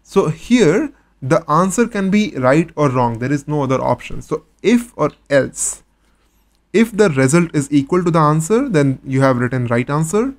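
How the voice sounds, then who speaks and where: A man's voice: a little high, very animated, normal speed. A man teaching a step-by-step coding tutorial, patiently posing questions and then answering them himself. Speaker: coding instructor. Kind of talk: screen-recorded coding tutorial.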